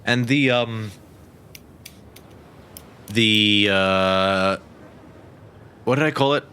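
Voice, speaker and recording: A man's voice: fairly low pitch, drawn-out words, sharp tone, a little hiss or hum. A man narrating as game master, jokey and hesitant, with many fillers.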